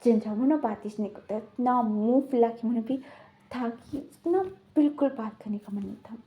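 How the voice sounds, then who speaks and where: A woman's voice: a little high, normal speed, muffled recording. A woman casually retelling a drama's plot in a rambling way, full of filler words. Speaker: storyteller.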